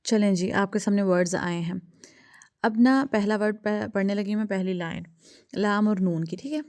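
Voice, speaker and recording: A woman teaches children recitation in a clear, smooth voice, modelling each sound slowly and repeating it again and again. She asks checking questions and answers them herself. The recording is close and dry. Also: mid-range voice, fairly even intonation, darkish tone, no room sound. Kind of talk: tajweed lesson for children.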